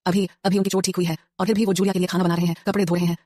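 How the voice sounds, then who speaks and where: A gossipy neighbor wife, voiced by a woman, in a dubbed drama, chatty and nosy. Her voice is lower than most women's and sounds dry and close. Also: flat delivery, rapid-fire, mellow, dry recording, lightly acted.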